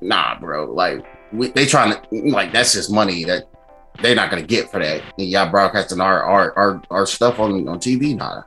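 A man's voice: low-pitched, animated, normal speed, sharp tone, faint music behind. A man giving a casual, blunt streamer's commentary on gaming rules in loose slang, swearing freely. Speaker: streamer host.

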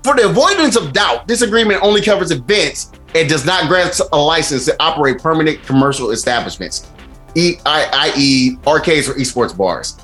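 Male streamer, casual and blunt, sweary slang, very lively pitch, music underneath. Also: fairly quick. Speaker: streamer host. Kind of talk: casual ranting commentary on gaming rules.

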